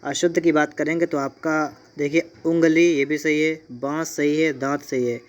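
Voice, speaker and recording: A male Hindi teacher from India, giving an exam-prep lesson. He spells words out slowly and keeps checking in with his students. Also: on the high side, level tone. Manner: repeats "theek hai" and "dekhiyega", spells words out slowly.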